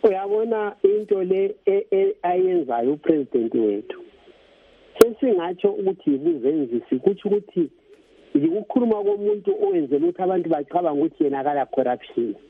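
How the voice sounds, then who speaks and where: A man's voice: high voice, huge pitch swings, fast talker, creaky, husky. A man with a Zimbabwean Ndebele accent, close to Zulu, calling a radio phone-in over a telephone to give his political opinion. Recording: tinny, narrow phone line.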